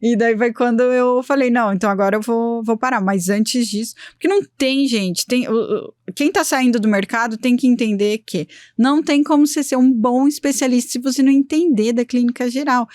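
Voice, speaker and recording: This is a Brazilian woman in her forties, speaking as a guest on a casual podcast. Her voice sits high, and she tells lively stories, often acting out what her clients said. The sound is dry and close. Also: moderate pace, hardly any pauses, no room sound. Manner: lively storyteller who acts out clients' replies. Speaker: veterinary gastroenterologist guest.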